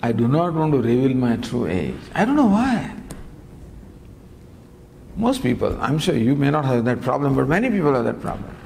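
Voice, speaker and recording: Recorded in a lecture hall with long reverb and faint background noise, a man gives a spiritual discourse on scripture, teaching with lively, gentle humor and plenty of rhetorical questions. His voice is mid-range and gravelly, at a moderate pace.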